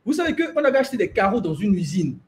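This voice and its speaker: A man's voice: sits high, big pitch swings, fast talker. A man talking animatedly in a group discussion, telling stories with many restarts. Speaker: host. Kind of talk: enthusiastic discussion.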